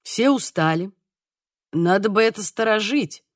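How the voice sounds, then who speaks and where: A woman voicing a calm middle-aged man who speaks in a measured, sober way. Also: medium pitch, dry recording, studio quality, natural voice. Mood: grave.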